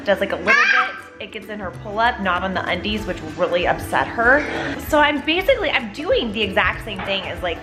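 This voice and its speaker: A young woman and mother talking candidly in a casual home vlog, sometimes praising her toddler in a sing-song voice. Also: medium pitch. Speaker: mother and vlogger.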